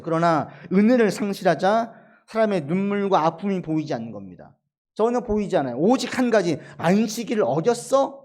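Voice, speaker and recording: A middle-aged male pastor preaching a sermon, dropping to soft low asides and then rising into emphatic, acted-out quotations. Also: gravelly.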